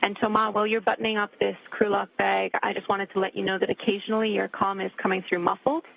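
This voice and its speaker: A woman's voice: mid-range voice, flat delivery, quick pace, creaky. A woman from Canada relaying precise radio procedure calls as mission communicator, repeating each call back. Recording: tinny radio loop with faint hiss.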